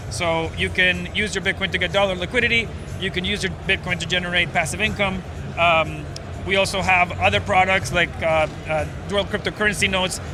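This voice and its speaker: Outdoors at a busy conference, a high-pitched Venezuelan man who co-founded a startup explains things at length in a casual, filler-heavy interview. Background noise is audible.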